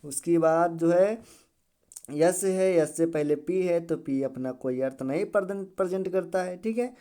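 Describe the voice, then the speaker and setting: A man giving an English pronunciation lesson. He keeps repeating words and asking the viewer quick questions. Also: fairly high pitch, warm tone, clean tone. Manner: drills each word over and over. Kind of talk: classroom-style video lesson.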